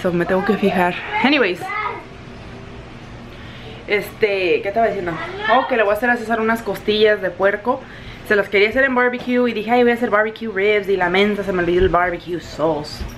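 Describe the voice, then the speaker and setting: With a crowd audible in the background, a chatty woman vlogger talks a little fast in a mid-range voice, expressive and sliding between Spanish and English. She's recording a casual vlog in her home's kitchen and laundry area, and the audio is noisy.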